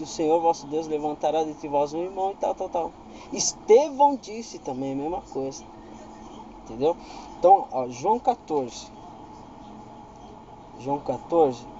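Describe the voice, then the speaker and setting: A man's voice: fairly high pitch, dark tone, dull audio, slight background noise. A man with a Brazilian Portuguese accent giving informal Bible teaching, reading verses aloud with rising emphasis and often asking if you understand. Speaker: preacher.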